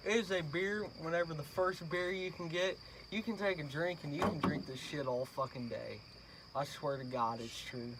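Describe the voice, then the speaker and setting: A man's voice: a little high, moderate pace. A man in his early twenties with chewing tobacco in his lip, chatting casually, profanely and bluntly about products. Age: early 20s. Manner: blunt, emphatic, opinionated. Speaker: amateur product reviewer. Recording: noisy amateur recording, insect-like ambience.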